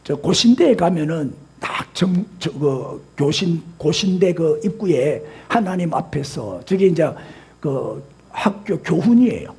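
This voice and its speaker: A man's voice: on the high side, lively intonation, measured pace, darkish tone. A male senior pastor preaching a sermon, firing rhetorical questions at the congregation. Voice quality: husky.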